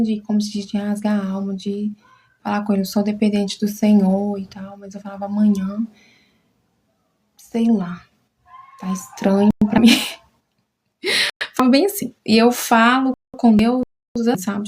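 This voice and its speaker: A crochet artisan with a medium-pitched, dark-toned voice chats casually and warmly with her followers on a live stream. Now and then her voice drops to a whisper.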